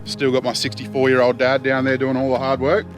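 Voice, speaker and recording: A man's voice: mid-range voice, monotone, brisk, music in the background. An Australian man narrating a vlog in a casual, slangy, easygoing and good-humoured way. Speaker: vlog host.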